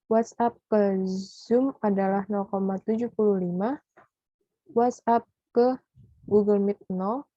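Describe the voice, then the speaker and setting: A woman's voice: mid-range voice, steady tone, a little slow, no echo. Woman reading math examples, dull recording. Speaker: student presenter. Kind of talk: reading worked probability examples aloud.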